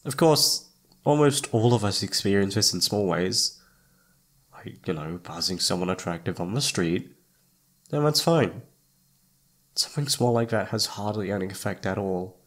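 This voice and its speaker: In an ASMR roleplay audio drama, a man plays a shy, flustered young incubus roommate who sounds awkward and hesitant while explaining, often trailing off. His voice is on the low side and a bit bright, with lively intonation, normal speed, and long pauses.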